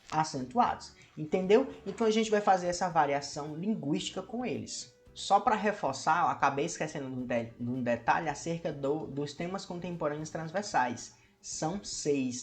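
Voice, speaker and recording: Brazilian male teacher, explanatory lesson delivery with rhetorical questions, faint music bed. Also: a little high. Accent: Brazilian Portuguese. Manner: asks many rhetorical questions and addresses viewers as "meu povo".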